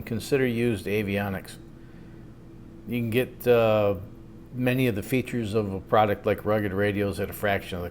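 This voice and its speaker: The host of this product review video is a middle-aged American man whose voice sits on the low side. He keeps things folksy and relaxed, sprinkling in joking slang and drifting into stories while he explains the product.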